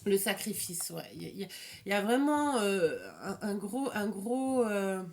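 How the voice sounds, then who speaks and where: With an expressive, mid-range voice, this woman improvises an informal card reading as an oracle reader. A slight lisp slurs her s sounds, and she halts often to repeat or rephrase.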